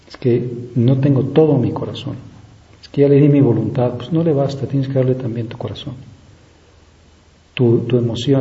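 A man preaching a sermon in an earnest, halting way, repeating words and turning to prayer. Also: mid-range voice, dark tone. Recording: dull echoey room recording.

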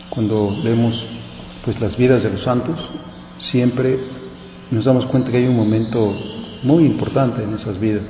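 Priest, male, reflective meditation, warm dark voice, roomy echo with faint hiss. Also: medium pitch. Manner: reflective, frequent "pues" fillers. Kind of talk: prayer and spoken meditation. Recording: dull echoey hall with faint hiss.

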